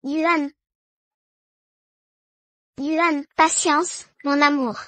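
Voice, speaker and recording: A scheming adulterous noblewoman in a French drama dub. She speaks high and slowly in a coaxing tone. The sound is dry and close. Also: fairly even intonation, bright, forceful tone, no room sound, exaggerated voice. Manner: pleading, coaxing. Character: scheming unfaithful noble wife, pregnant.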